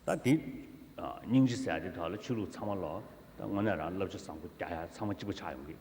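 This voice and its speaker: Deep-voiced Tibetan man teaching in an echoey hall. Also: darkish tone. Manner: halting, with filler syllables and repeated words. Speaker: Buddhist teacher. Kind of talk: religious teaching, spoken in turns with an interpreter. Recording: echoey hall, long reverb, faint noise.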